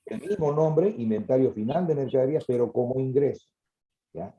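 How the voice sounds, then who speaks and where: Patient man teaching accounting, dark voice. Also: mid-range voice, expressive, brisk, roomy sound, dull audio. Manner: patient, explanatory, checks understanding with "¿ya?". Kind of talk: classroom lecture.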